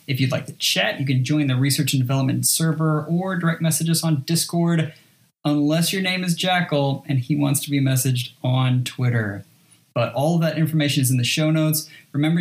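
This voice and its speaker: Rambling male podcast host. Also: on the high side. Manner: rambling, self-deprecating, trips over his words. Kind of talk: casual podcast chat.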